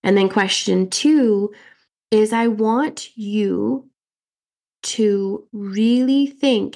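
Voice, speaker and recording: A woman hosting a motivational podcast while getting over a head cold, her voice nasal and raspy, coaching listeners directly with earnest questions. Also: mid-range voice, darkish tone. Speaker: podcast host and fertility mindset coach.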